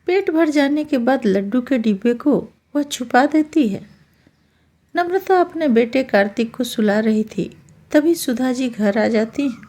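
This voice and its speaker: A woman narrating a scripted moral tale in a calm, even manner. Her voice is high and soft-toned. She reads slowly. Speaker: storyteller.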